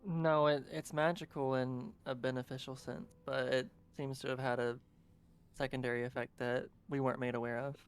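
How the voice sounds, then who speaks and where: A man's voice: medium pitch, level tone, normal speed, clean tone, natural voice. A man voicing a wry young male bard, answering questions in a dry, matter-of-fact way.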